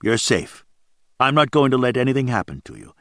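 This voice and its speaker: A man's voice: medium pitch, sing-song, a little fast, a bit bright, no room sound, clean studio sound. A man voicing a hard, protective male biker with a blunt, cold manner. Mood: gruff.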